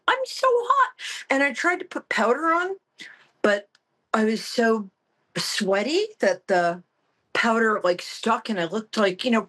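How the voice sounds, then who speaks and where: A woman hosting a psychic tarot show in a campy, theatrical, self-mocking way, chatting comically and casually with a husky voice. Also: mid-range voice, low-quality recording. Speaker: psychic tarot reader and call-in show host. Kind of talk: casual, comic monologue to listeners.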